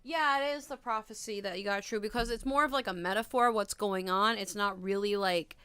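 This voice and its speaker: A woman's voice: medium pitch, brisk, pushed and bright, clean tone, no room sound. A woman around thirty chatting casually on a live stream and giving tarot readings, with an upbeat, rambling way of talking and a voice strained after losing it. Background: faint music.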